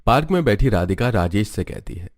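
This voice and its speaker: A man narrating a cartoon story in a steady, even storytelling manner. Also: on the low side, fairly quick.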